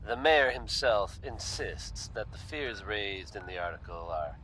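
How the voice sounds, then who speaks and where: A folksy, wry radio DJ from a video game, chatting to his listeners. The voice is low yet very bright and forward, with faint noise behind it. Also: expressive, measured pace, low-quality recording. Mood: chatty, wry. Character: smooth-patter male radio DJ addressing his listeners.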